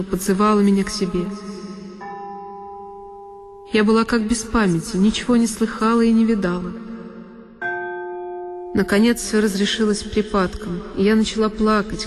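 A woman performing a dramatic reading of a classic novel as narrator, in an intense, emotional storytelling manner. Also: mid-range voice. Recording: violin music underneath.

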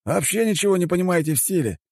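Man putting on a scornful high-voiced ruler. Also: lively intonation, fast talker, no room sound, clean studio sound. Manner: mocking, dismissive, shouting at times. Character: arrogant, scornful male head of state. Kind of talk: audiobook character voice.

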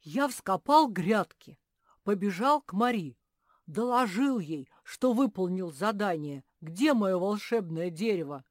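A woman voicing a loud, stubborn, boastful bear cub boy in a storybook reading. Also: mid-range voice, animated, measured pace, no echo, studio quality, pitched above the performer's own voice, lightly acted. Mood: telling. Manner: shouting, insistent.

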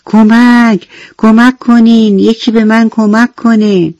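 A man voicing a fussy, self-centred male grasshopper in a children's radio story, who shouts out of his window and shrugs off others' trouble. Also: a little high, fairly even intonation, vocal fry, no echo. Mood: panicked.

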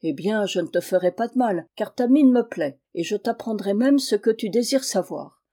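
A woman reading aloud and voicing the sun as a loud, hungry male giant. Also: mid-range voice, expressive, normal speed. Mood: gracious.

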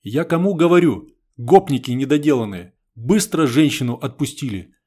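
A man's voice: on the high side, expressive, normal speed, voice pushed up. A man voicing a defiant young woman pilot. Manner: loud, defiant. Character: brave young woman pilot facing thugs.

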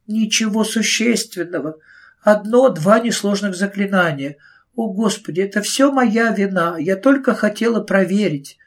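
A man's voice: sits high, normal speed, voice pushed up. A man voicing a prim, anxious middle-aged witch who frets and insists primly, in an audiobook reading. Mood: flustered.

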